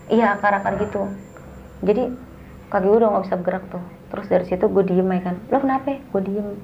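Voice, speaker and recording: A young woman, telling a story as a guest in a casual, animated way and acting out the dialogue. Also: medium pitch, quick pace, a little hiss or hum, poor audio.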